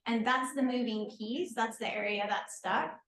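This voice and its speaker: A woman's voice: on the high side, fairly even intonation, normal speed, fairly bright tone. A woman who works as a lymphatic therapist and holistic healer, giving an informal, earnest workshop lecture that is full of fillers. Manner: chatty and earnest, with frequent fillers. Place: event space at a market and deli. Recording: echoey room with faint background ambience.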